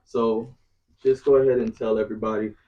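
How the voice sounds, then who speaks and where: A man's voice: mid-range voice, flat delivery, a little fast, warm tone, highs cut off. A man hosting a casual interview, setting up questions in loose, hesitant phrasing. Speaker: host interviewer.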